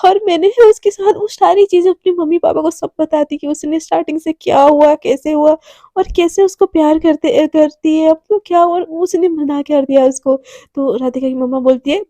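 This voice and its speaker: A woman's voice: high voice, steady tone, moderate pace, mellow, dry recording. Chatty woman telling a love story. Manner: chatty, addresses listeners with asides. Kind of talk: casual spoken storytelling.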